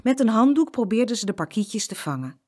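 A woman reading a children's story aloud with an expressive, lively delivery. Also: a little high, brisk.

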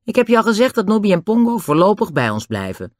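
Man voicing a calm, cheeky boy, lively pitch, dry sound. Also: quick pace, dry recording. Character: calm, brave boy on a holiday adventure.

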